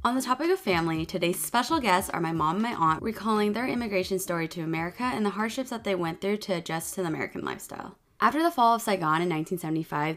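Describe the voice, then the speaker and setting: A young woman hosts her podcast, reading the intro upbeat and then asking her relatives questions. Her voice sits low for a woman. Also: a bit bright. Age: young adult. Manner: upbeat, with frequent short backchannels. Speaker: podcast host.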